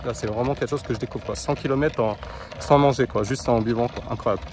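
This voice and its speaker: A man vlogs outdoors on a kick scooter, chatting quickly in a mid-range voice as he rolls through city streets and parks. A coach and nutritionist, he speaks straight to viewers with fillers and asides while sounding strained from exertion, and the recording carries noisy city ambience.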